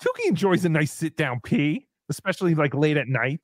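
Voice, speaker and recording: A man's voice: on the high side, very animated, a little fast, dry recording. A man in his fifties hosting a casual livestream, sarcastic and rambling as he reads out donations. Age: 50s. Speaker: livestream host.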